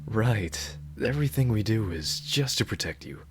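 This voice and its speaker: Loud music plays behind this man's natural, lowish voice as he talks at a moderate pace with expressive delivery. He's voicing a dorky, devoted yandere bodyguard for an ASMR roleplay, flustered and earnest, rambling and awkwardly correcting his slips.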